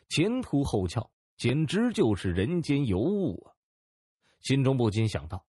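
A man reading a novel aloud as audiobook narrator, in expressive storytelling style. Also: medium pitch, breathy edge, dry recording, studio quality. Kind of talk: scripted narration.

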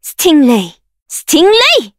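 A woman voicing a proud, confident young female researcher in a game, delivering self-assured lines and commanding skill shouts. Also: sits high, very animated, moderate pace, no room sound, clean studio sound. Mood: battle shouts. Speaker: voice actress for a game character.

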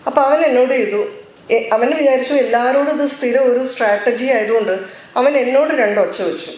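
A woman's voice: a little high, fast, a little mellow. Lady telling a story in a talk, super echoey hall, acts out the dialogue. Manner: storytelling, quoting others in dialogue. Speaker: speaker at a religious gathering. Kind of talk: devotional speech with personal story.

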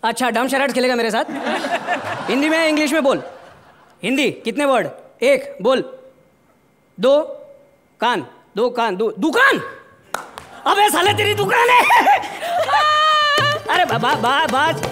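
An actor playing a loud, lazy, boastful police officer in a live stage comedy sketch, teasing and punning. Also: male voice, very high-pitched, expressive, unhurried, long pauses, noisy background. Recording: live studio with audience laughter.

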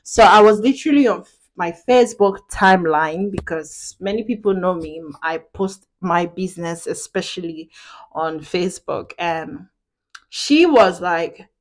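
A woman's voice: on the low side, measured pace. A young adult woman, a digital marketing agency owner, talking casually and directly to her viewers. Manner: direct, matter-of-fact, with fillers. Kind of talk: casual talk to camera.

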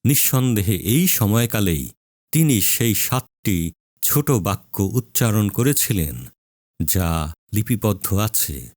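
Slow, solemn male preacher, dry close mic. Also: lowish voice, expressive, darkish tone, no room sound. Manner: slow, solemn, emphatic with drawn-out pauses. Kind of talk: dramatic sermon narration.

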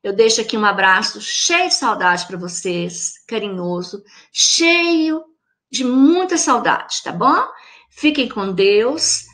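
A Brazilian woman teaching a video lesson to children, slowly sounding out words syllable by syllable in an affectionate teacherly tone. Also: medium pitch, animated, bright, forceful tone. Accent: Brazilian Portuguese. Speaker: primary school teacher.

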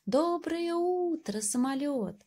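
A woman voicing a small young male mouse in a children's storybook, calling out greetings in a high, drawn-out voice. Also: very animated, dark tone. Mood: eager.

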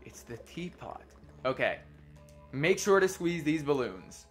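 A man's voice: on the high side, very animated, a little slow. A young man giving casual, informal, rambling gameplay commentary as the host of a let's play. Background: game music.

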